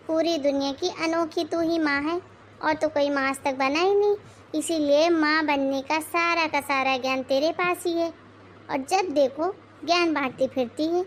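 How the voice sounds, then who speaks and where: A woman voicing a bossy, sarcastic mother-in-law in her forties in an animated moral story, scolding and mocking. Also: high-pitched, a little hiss or hum, natural voice.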